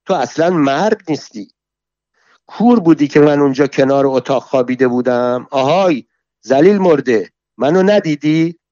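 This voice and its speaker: A man's voice: mid-range voice, no echo, muffled recording, lightly acted. A man voicing a foul-mouthed, quarrelsome middle-aged woman, hurling insults while reading a story aloud. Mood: furious. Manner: shouting insults, scolding.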